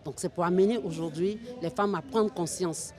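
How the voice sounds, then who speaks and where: A woman's voice: on the low side, normal speed, a crowd in the background. A woman explaining her group's cause earnestly in a news interview. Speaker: association member. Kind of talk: interview soundbite.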